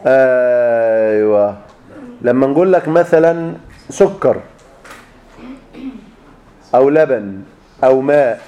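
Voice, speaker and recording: The grammar lecture continues with a medium-pitched, expressive, mellow voice that moves slowly and pauses often, heard through lo-fi sound in an echoey room. The Egyptian-accented teacher poses each rule as a repeated fill-in question and supplies the answer himself.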